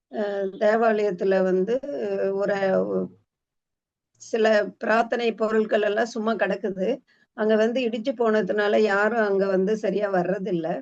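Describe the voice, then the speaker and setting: A woman's voice: medium pitch, a little mellow. Hesitant woman retelling a book, lo-fi. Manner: hesitant, frequent fillers and restarts. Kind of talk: casual spoken book retelling. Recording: dull lo-fi recording.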